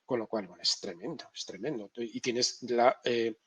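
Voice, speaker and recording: A middle-aged man lecturing in a masterclass, animated and emphatic, often checking in with his listeners. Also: medium pitch, normal speed, breathy edge, dry recording. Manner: animated, emphatic, tag questions. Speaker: neuropsychology lecturer.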